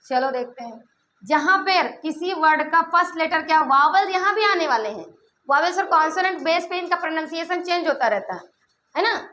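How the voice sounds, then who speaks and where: Very high-voiced woman teacher quizzing pupils. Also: lively intonation, brisk, sharp tone. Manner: keeps quizzing pupils, repeating answers back; playful teasing asides. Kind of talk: classroom lesson with call-and-response. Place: classroom with pupils.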